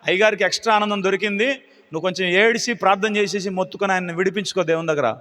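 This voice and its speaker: A man preaching a live sermon with fiery conviction, firing rhetorical question after question at the congregation. His voice sits high and rings bright. The long reverb of a large hall trails after every phrase. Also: racing. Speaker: pastor.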